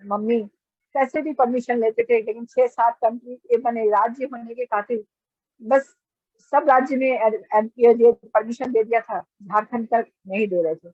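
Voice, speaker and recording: A woman's voice: on the high side, darkish tone, husky, no echo. A middle-aged woman from giving an earnest personal testimony in a storytelling way, often restarting her sentences. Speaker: testimony speaker. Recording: dull lo-fi recording.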